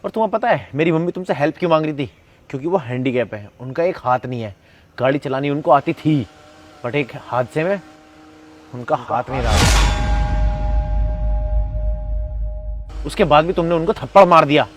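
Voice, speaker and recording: A man's voice: fairly high pitch, animated, fairly quick, noisy background, lightly acted. A man playing a protective adult son scolding his ex-girlfriend in a short acted skit. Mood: stern. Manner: indignant, scolding.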